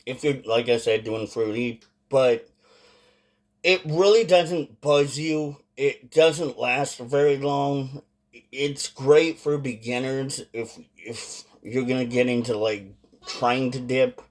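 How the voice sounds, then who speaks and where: A man giving a casual, informal vlog-style review in a halting way, stressing words for emphasis. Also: medium pitch. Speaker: product reviewer.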